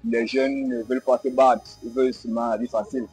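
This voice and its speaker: A man's voice: medium pitch, level tone, a little fast, darkish tone, faint music behind, poor audio. Firm young man. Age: young adult. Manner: firm, opinionated. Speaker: interviewee. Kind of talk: vox pop answer. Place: indoors, small shop. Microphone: lapel.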